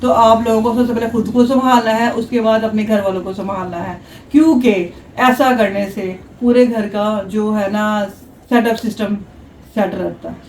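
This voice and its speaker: A woman chatting casually on a family vlog, giving earnest advice and talking quickly. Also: fairly high pitch, steady tone, darkish tone, a little hiss or hum. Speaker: family vlogger. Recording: roomy, distant home recording.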